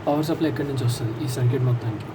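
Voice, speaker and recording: At medium pitch, a male teacher with a Telugu accent explains a circuit diagram step by step in a relaxed class, switching between Telugu and English terms. He answers the questions he raises himself and slows down when dictating English sentences. Traffic noise fills the recording from a far-off mic.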